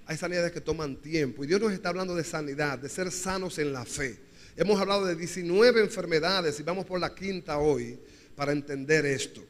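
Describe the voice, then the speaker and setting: A man preaching with a high-pitched voice, stressing his points through repetition and calling out for the congregation to answer. His sermon rings through a church hall with a long echo. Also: a little fast. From Dominican Republic. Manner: preaching with call-and-response to the congregation; repetitive, emphatic phrasing with shifting pace. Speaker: pastor.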